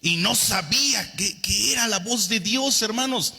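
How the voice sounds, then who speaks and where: A male pastor preaching a sermon with animated delivery, swinging between quiet and loud. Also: high voice, measured pace, gravelly, a crowd in the background. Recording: long hall reverb.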